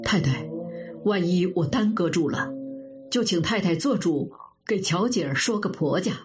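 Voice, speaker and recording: A woman voicing an anxious young nobleman speaking earnestly and respectfully to his aunt, in a lowered voice. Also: lively intonation, moderate pace, a little mellow, natural voice. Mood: imploring. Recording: dull audio with guitar music.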